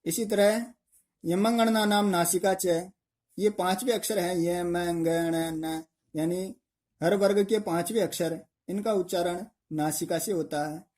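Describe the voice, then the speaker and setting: A male teacher gives an exam-prep lesson in a mellow, darker voice. He works through each point step by step. He often asks a question and then answers it himself. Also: high voice. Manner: explains step by step, asking and answering his own questions.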